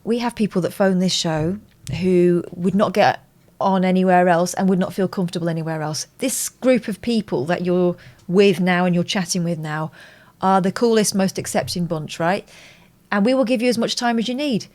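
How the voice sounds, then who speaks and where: A woman's voice: on the low side, normal speed, a little mellow. A woman co-hosting a live show in informal, reassuring chat. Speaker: co-host of a live phone-in show. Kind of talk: casual chat.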